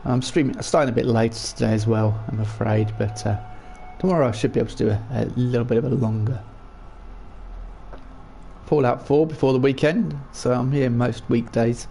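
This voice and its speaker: Croaky man chatting on a livestream. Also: medium pitch, steady tone, normal speed, mellow, slight background noise. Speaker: livestream gaming host. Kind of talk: casual livestream game commentary.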